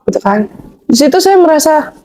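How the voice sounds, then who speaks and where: A woman guest telling her conversion story in a casual, animated way, slipping into slangy informal speech as she replays old arguments. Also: high voice, fairly quick. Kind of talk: casual spoken testimony.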